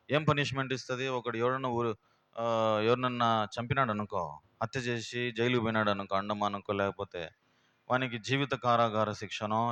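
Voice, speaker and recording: A man's voice: mid-range voice, a bit bright, clear, resonant tone. Man preaching. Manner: plain, homely, fires rhetorical questions at the congregation. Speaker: pastor. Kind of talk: sermon teaching. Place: prayer house.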